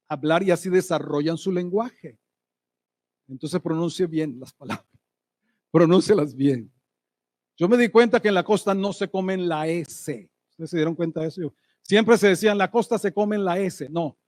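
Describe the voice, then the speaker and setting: A man preaching a sermon as pastor, lively and asking the congregation rhetorical questions. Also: fairly high pitch, normal speed, no echo. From Colombia. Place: church hall.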